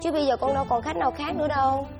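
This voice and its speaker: A woman's voice: high-pitched, fairly even intonation, rapid-fire, music in the background. A woman playing a timid young stepdaughter. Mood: puzzled. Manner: soft, pleading replies. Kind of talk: comic sketch acting.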